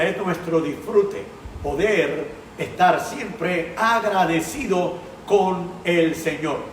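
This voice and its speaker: A man preaching as a pastor, slow and earnest, at times breaking into song. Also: on the high side, distant mic, slight background noise. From Panama. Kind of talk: sermon with singing. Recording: roomy sound from off-mic.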